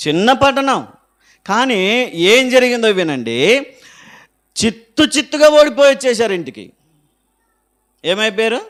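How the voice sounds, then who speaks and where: A man's voice: very high-pitched, very animated, measured pace, pauses often, fairly bright tone. A man preaching a Sunday sermon as pastor, quizzing the congregation and asking members to read verses aloud.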